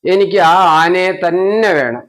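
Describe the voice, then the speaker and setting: A man's voice: high voice, lively intonation, slow pace, voice pushed up. A man voicing a small, stubborn little boy who cries and pleads insistently. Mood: tearful, stubborn. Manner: whiny, insistent, tearful pleading.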